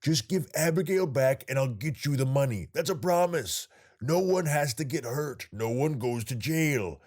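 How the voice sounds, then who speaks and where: A man voicing a calm male investigator in an audiobook, speaking reassuringly and persuasively. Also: mid-range voice, normal speed, pitched above the performer's own voice, lightly acted.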